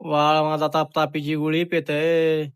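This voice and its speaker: A father vlogging at home, talking softly and soothingly to comfort his crying young daughter. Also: a little high, completely flat delivery, measured pace, clean tone. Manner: soothing, coaxing a crying child. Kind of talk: casual family vlog.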